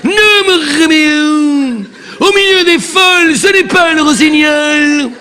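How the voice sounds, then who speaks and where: A man's voice: takes it slowly, heavily acted. A man voicing Juliet as a clumsy, ugly young woman, declaiming with stammered repeats in a stage comedy parody. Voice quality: shrill and shouting. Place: theatre stage, live audience.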